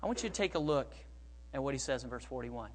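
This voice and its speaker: A middle-aged man preaching a sermon as pastor, moving between quiet, hushed phrases and loud, emphatic bursts. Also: medium pitch, lively intonation, fast talker.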